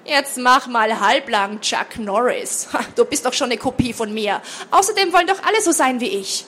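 A woman's voice: on the high side, lively intonation, moderate pace, pushed and bright, slight background noise. A woman reading aloud, voicing a cheeky teenage girl who teases and mocks her twin sister. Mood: mocking. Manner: teasing, mocking.

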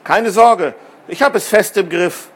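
A man's voice: high voice, measured pace, voice pushed up. A man voicing a small, eager boy astronaut in a children's storybook.

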